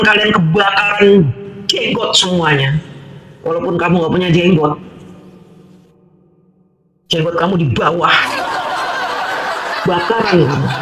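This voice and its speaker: A woman's voice: medium pitch, fairly bright tone, reverberant, rough recording. A woman who rants angrily to camera as a housewife vlogger. She scolds and mocks, firing off rhetorical questions. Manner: scolding, mocking and confrontational, full of rhetorical questions. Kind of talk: angry political rant to camera.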